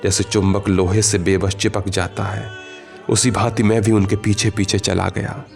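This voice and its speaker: A man narrating a literary short story in the first person, in a measured, literary reading with quiet emotional shifts. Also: lowish voice, little pitch movement, creaky, soft background music.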